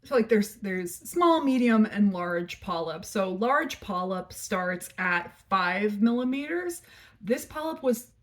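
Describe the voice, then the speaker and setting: A woman's voice: mid-range voice, animated, takes it slowly. A woman vlogger telling a story in a casual, frank and profane way, rambling with lots of filler words.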